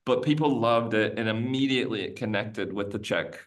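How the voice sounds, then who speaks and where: A fairly low-voiced man from the United States chats at a moderate pace as a podcast guest in a casual interview, spinning a long, rambling story. He often loops back and restarts what he's saying.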